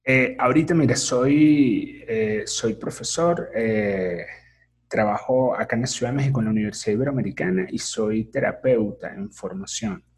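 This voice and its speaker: Man, gravelly voice, very husky tone, interview guest, reflective explainer, frequent "eh" and "ok?". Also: mid-range voice, moderate pace. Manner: reflective, explains with many fillers and "¿ok?" checks. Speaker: interview guest, psychology teacher and therapist in training. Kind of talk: casual explanatory conversation.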